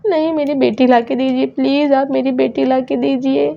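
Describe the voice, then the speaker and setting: A woman's voice: high-pitched, fairly even intonation, normal speed, vocal fry. A woman voicing a worried young mother who pleads and sobs while searching for her missing daughter, in a doll story. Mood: distraught. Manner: pleading, tearful. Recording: dull lo-fi sound.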